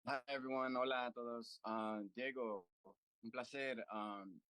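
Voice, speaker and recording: An American man, president of a local party chapter, speaks earnestly at an online political meeting over a video call, thinking aloud with many fillers and restarts. His mid-range voice is clear, resonant and fairly bright, with fairly even intonation, normal speed and no echo.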